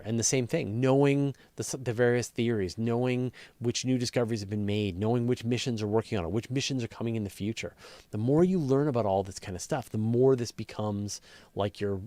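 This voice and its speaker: A man hosts a casual live question-and-answer session on space and astronomy, explaining conversationally and thinking aloud as he answers. His voice is lowish and darkish in tone, with no room sound.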